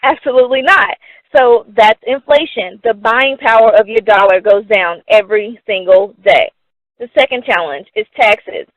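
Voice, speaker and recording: A woman's voice: a little high, normal speed, no room sound. A young woman giving an upbeat, persuasive scripted sales presentation about money, answering her own questions. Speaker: company presenter. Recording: dry, phone-like narrow sound.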